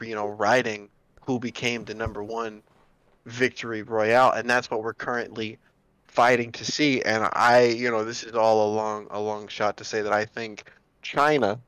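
A man's voice: on the low side, fairly bright tone, clean tone, no room sound, low-quality recording. A man chatting casually, rambling with many fillers and restarts. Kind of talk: casual chat.

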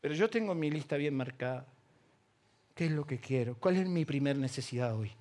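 A man with an Argentine accent preaching a sermon as pastor, swinging between loud passion and hushed quiet. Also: on the high side, lively intonation, a little fast. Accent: Argentine Spanish.

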